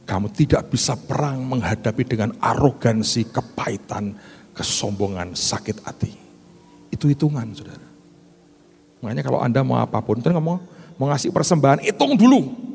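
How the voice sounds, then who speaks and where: A middle-aged male pastor, telling stories in an animated sermon and speaking directly to the congregation. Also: medium pitch, moderate pace, vocal fry, a little hiss or hum. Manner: animated storytelling, addresses listeners as "saudara".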